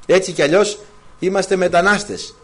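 A man preaching a sermon to his congregation, full of rhetorical questions and quoted scripture. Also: high voice.

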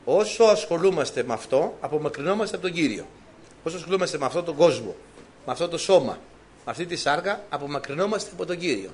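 Greek guy preaching, kinda high voice, really lively up and down, storytelling to the congregation. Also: a little hiss or hum. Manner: lively, animated storytelling, laughs at own stories. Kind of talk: sermon with personal testimony.

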